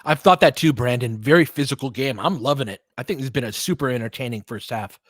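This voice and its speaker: Talking fast in a medium-pitched voice, a man calls basketball play-by-play live, rooting openly for his team with short, clipped phrases. The audio is clean studio sound with no room noise.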